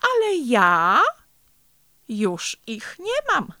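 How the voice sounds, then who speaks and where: A woman's voice: fairly high pitch, huge pitch swings, drawn-out words, pushed and bright, no room sound, studio quality, voice pushed up, heavily acted. A woman voicing a small, worried boy turtle who talks in an anxious, plaintive way in a storybook reading. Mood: surprised.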